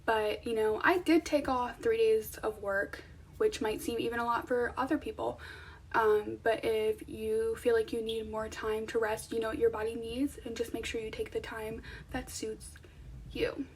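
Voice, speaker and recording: A woman's voice: on the high side, steady tone, moderate pace, recorded from a distance, slight background noise. A young woman talking casually to viewers in an informal, conversational vlog style. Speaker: vlogger. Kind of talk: casual chatty vlog to camera.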